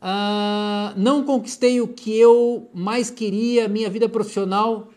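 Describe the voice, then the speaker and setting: A middle-aged man from Brazil with a Brazilian Portuguese accent, a clinical hypnotherapist chatting casually on a live stream and reading out viewer comments, affectionate and chatty, often dropping softly aside to someone off camera. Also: high voice, steady tone, unhurried.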